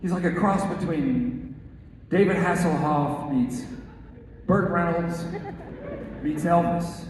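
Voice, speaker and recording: A man, a film actor, telling a lively behind-the-scenes story at a live Q&A and acting out the dialogue. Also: on the high side, takes it slowly, pauses often. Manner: animated storyteller who acts out the dialogue. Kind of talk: onstage anecdote at a live Q&A. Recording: echoey hall, mic from far off, background noise.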